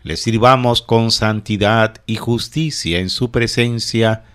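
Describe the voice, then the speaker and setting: A man leading prayer, reciting liturgy in a measured, solemn way in short phrases. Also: on the low side, fairly even intonation, a bit bright, clean tone. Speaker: prayer leader.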